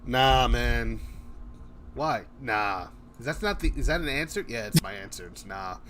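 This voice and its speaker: A man chatting casually as a streamer, in a halting, jokey way. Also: medium pitch, expressive. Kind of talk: casual chat.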